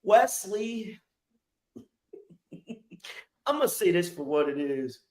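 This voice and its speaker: A man's voice: sits high, big pitch swings, slow, a little mellow. A man hosting a podcast, delivering a profane comedic roast full of crude mocking insults. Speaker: podcast host.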